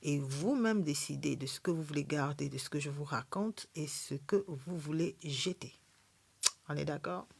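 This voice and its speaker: A woman with a low, deep voice and an accent hosts a spiritual live stream. She speaks bluntly and defiantly. She keeps checking in with her viewers. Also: normal speed, gravelly, darkish tone, slightly rough. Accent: non-native French accent. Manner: blunt and defiant, repeats "ok?" to the audience. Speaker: spiritual livestream host.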